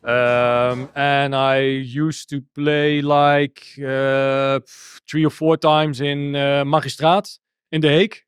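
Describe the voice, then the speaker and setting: A man's voice: mid-range voice, little pitch movement, slow, smooth, no echo. A Dutch man with a Dutch accent, a techno DJ and producer answering interview questions in a hesitant way with many restarts. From Netherlands. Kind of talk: casual interview.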